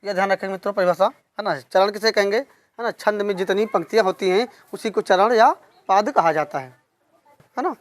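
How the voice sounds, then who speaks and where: A woman teaching a lesson on poetics, slowly repeating key terms and asking questions that she then answers herself. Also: mid-range voice, dry recording. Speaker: Hindi literature teacher. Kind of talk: online exam-prep lesson.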